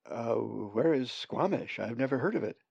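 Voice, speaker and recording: Guy doing a curious young raven, earnest, asks a lot, gravelly, dull audio. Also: mid-range voice, lively intonation, moderate pace, darkish tone, no echo. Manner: questioning, earnest. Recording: dull dry lo-fi recording.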